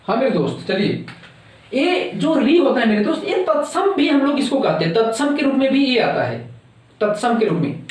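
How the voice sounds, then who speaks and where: A man's voice: extremely high pitch, sing-song, moderate pace, distant mic. A man teaching a competitive-exam grammar lesson, repeating words and telling viewers again and again to note it down. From India. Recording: echoey room, voice off-mic.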